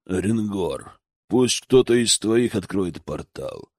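A man's voice: fairly low pitch, lively intonation, slow pace, no room sound, clean studio sound, pitched below the performer's own voice. A man voicing a practical, matter-of-fact male mage in an audiobook. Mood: businesslike.

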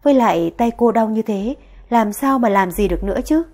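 A woman reads a drama story aloud as narrator, in a steady, even telling. Her voice sits on the high side of the usual range and has a soft, breathy huskiness. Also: fairly quick.

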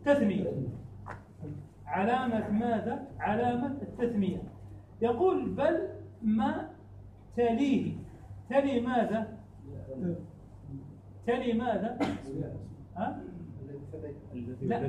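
Male grammar teacher, high voice, heard from a distance, keeps quizzing his class. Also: a little mellow, slight background noise. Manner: quizzes students with repeated questions; chants verse lines slowly. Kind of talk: classroom lesson. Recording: echoey room, distant mic.

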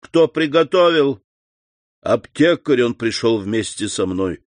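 A man's voice: mid-range voice, lively intonation, slow pace, dry recording. Anxious middle-aged prosecutor, urgent short lines, read by a man, dry close recording.

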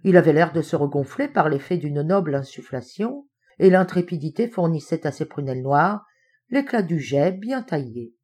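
A woman narrating an audiobook in a measured, literary storytelling manner. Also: sits low, lively intonation, dark tone, husky. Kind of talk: scripted narration.

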